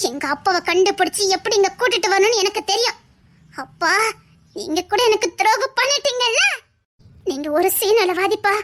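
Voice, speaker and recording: A woman's voice: very high voice, fairly bright tone. A woman playing a sulky, headstrong young woman with a Tirunelveli accent who pleads against an arranged marriage in a one-voice audio drama. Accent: Tirunelveli Tamil. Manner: pleading, whiny, then scheming.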